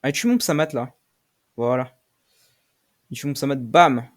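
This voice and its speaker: A young man commentating his own game play, swearing often and shouting when he loses. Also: medium pitch, expressive, normal speed. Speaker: gaming streamer.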